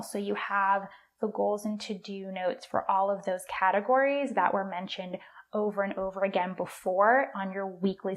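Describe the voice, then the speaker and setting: Upbeat woman chatting through a review. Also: mid-range voice. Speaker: planner reviewer. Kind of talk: casual product review walkthrough.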